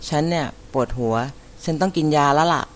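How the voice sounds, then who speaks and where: A woman teaching an English vocabulary lesson, repeating each word and spelling it out letter by letter with careful, deliberate enunciation. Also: sits low. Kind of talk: slow vocabulary lesson, spelling words aloud.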